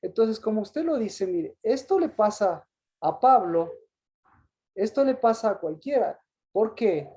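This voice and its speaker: A man teaching an interactive Bible study on a video call, pausing and repeating words as he asks questions. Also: high-pitched, expressive, warm tone.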